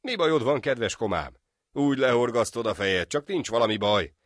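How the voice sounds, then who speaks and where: A man voicing a clever, cheeky village friend in an animated folk tale, talking in a lively, sly and proud way. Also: medium pitch, no room sound, clean studio sound, pitched above the performer's own voice, close to an everyday voice. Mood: sympathetic.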